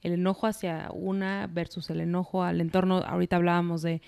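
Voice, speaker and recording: A woman's voice: lowish voice, little pitch movement, fairly quick, gravelly, a little mellow, clean tone. A woman hosting a podcast, an engaged, affirming interviewer who relates her own experiences. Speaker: podcast host, psychologist. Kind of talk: casual podcast conversation.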